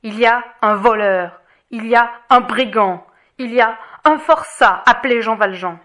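A woman voicing a harsh, scornful male police inspector in an audiobook, shouting and mocking. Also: a little high, a little slow. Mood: furious. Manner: shouting, sneering, mocking laughter. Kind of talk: audiobook reading.

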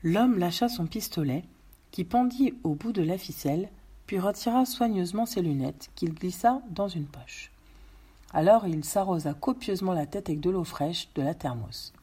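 Husky low-voiced woman reading a story. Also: lively intonation, warm tone. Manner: measured storytelling narration. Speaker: narrator. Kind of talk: reading a novel aloud.

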